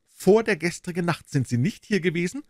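Man voicing a stern, sharp-tongued young inspector. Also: high voice, expressive, fairly quick, dry recording, clean studio sound, pitched above the performer's own voice. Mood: interrogating. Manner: sharp, demanding questioning.

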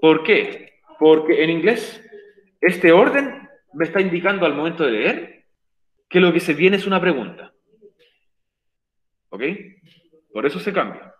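A man explains grammar to his online class, patient and repetitive, stressing each point twice. His voice sits a little high. The sound carries a roomy echo over the video call. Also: expressive, a little slow, long pauses. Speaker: English teacher.

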